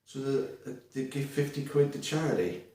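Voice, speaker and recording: A man's voice: mid-range voice, animated, moderate pace, mellow. Echoey Belfast man, distant from the mic. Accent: broad Belfast, Northern Irish. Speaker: interview guest, book reviewer. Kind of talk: casual chat.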